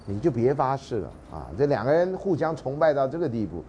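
Male lecturer, Taiwanese Mandarin accent, animated and jokey, lively pitch, faint room noise. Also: fairly quick. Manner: animated and joking, drops into dramatic readings and half-sung lines. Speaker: university lecturer.

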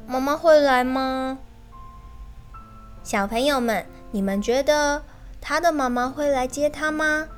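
A woman teacher, reading a children's picture book in a gentle, sing-song way and speaking directly to the children. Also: high-pitched, a little slow, long pauses, soft background music. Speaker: kindergarten storyteller teacher.

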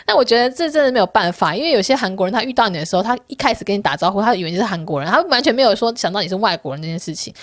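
A woman vlogger chats casually to her viewers, quick and animated, her pitch bouncing all over. She tells candid stories and laughs often. The sound is close and dry. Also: no room sound. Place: Korea.

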